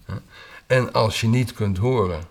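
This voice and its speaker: A former orchestra conductor, a man, telling his own story in a halting, reflective way with pauses and filler sounds. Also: lowish voice. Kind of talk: personal storytelling interview.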